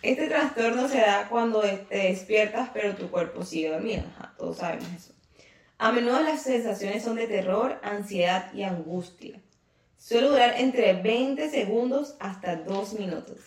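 A woman's voice: medium pitch, animated, normal speed, recorded from a distance. A woman co-hosting a casual podcast, reading facts aloud and commenting on them. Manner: chatty, reads facts aloud then comments. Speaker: podcast co-host. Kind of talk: casual chat. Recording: roomy echo, set back from the mic.

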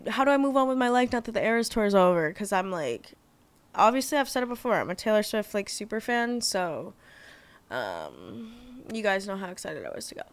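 Bubbly young woman, smooth clear voice. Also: mid-range voice, fairly bright tone, no echo. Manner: bubbly, swears freely, gushing. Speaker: podcast host. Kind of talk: casual chat.

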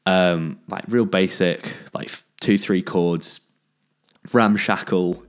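A man's voice: deep voice, steady tone, slow pace. A man hosting a casual chat, hesitant and searching for words with many ums. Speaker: podcast host.

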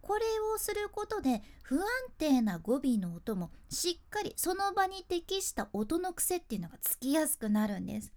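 A young woman with a Fukuoka Japanese accent, a freelance announcer, speaks in a high, sing-song, slightly mellow voice at normal speed with hardly any pauses. She gives a casual speaking lesson, using chatty explanations and dialect endings.

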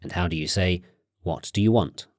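A low-pitched man narrates a language course at a moderate pace, posing prompting questions and explaining grammar clearly and instructively. The recording is dry, with clean studio sound.

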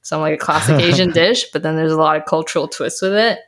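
Guesting on a podcast, a young health coach from Canada keeps the interview chat casual and bubbly, laughing frequently and filling her speech with "like" and "um." She has a low voice and a quick pace.

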